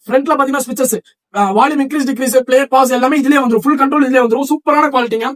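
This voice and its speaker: Rapid-fire high-voiced male shop seller. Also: steady tone. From Tamil Nadu, India. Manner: rapid, chatty, asks "okay?" of viewers often. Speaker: shop seller presenting products. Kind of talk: product demo sales pitch.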